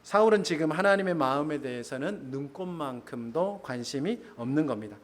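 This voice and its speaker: Man preaching a lively sermon. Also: fairly high pitch, fairly quick. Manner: addresses congregation with questions, laughs. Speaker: pastor. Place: church.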